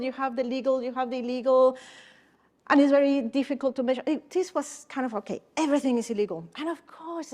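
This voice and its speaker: A woman's voice: sits high, darkish tone. A woman from Costa Rica, speaking as a conference panelist and telling her story earnestly, with emphatic repetitions.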